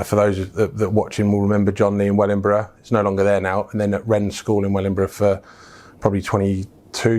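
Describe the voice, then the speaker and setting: Speaking with a fairly low, darkish voice, an English business founder appears as a guest and tells his life story. He's middle-aged, and the interview is casual and candid. He leans heavily on fillers and often restarts sentences.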